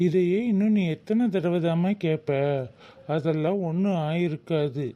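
A man's voice: a little high, unhurried, natural voice. A man voicing a blunt, protective young husband and big brother in a cartoon, talking in a scolding, tough way. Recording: dull lo-fi recording.

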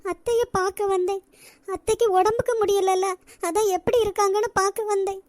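A very high, close and dry voice for a meek young college girl in a cartoon, voiced by a woman. She speaks softly and apologetically, with a pleading tone and a Nagercoil Tamil accent. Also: fairly even intonation, fairly quick, dry recording. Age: young adult. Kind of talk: cartoon voice acting.

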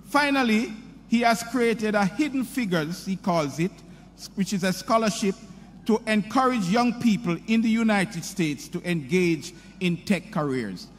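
At a podium in a large hall, a middle-aged university president formally introduces a commencement speaker, reading a prepared script in a measured, sing-song delivery. His voice is high and animated. The podium microphone picks up hall reverb, faint ambience, and a little hiss or hum.

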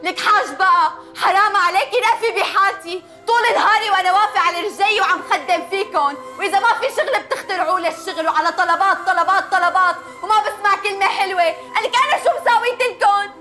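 Actress for a young Damascene servant, high and hurried, pleading; faint music under. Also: female voice. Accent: Damascene Arabic. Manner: pleading, tearful outbursts.

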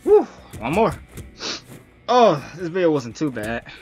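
A man's voice: on the high side, big pitch swings, unhurried, a little mellow. A young man giving exasperated, profane live commentary on his own gameplay. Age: young adult. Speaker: gaming streamer. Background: game music.

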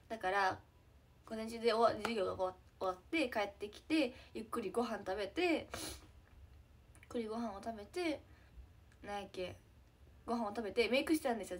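A teenage girl with a Kansai accent chatting casually with fans on a live stream, giggly and trailing into soft murmurs. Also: fairly high pitch, slightly rough. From Hyogo, Japan. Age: teens. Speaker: idol trainee streaming to fans.

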